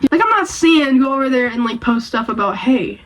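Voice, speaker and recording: Young woman vlogging w a cold, kinda high voice, rambly and self-deprecating, faint noise behind. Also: expressive, fairly quick, a bit bright, rough recording. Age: young adult. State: has a cold. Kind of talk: casual rambling vlog.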